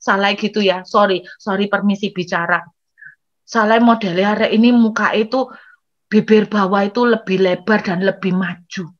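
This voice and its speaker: A woman's voice: medium pitch, steady tone, normal speed. A woman preacher with an East Javanese accent, telling a story in a sermon, often addressing the congregation and acting out scenes with Javanese words mixed in. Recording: dull lo-fi recording.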